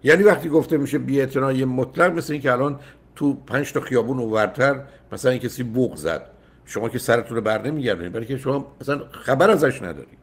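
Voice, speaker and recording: A man's voice: medium pitch, animated, husky. An older man hosting a call-in advice show, emphatic and often cutting in with repeated no's. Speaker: radio psychologist host.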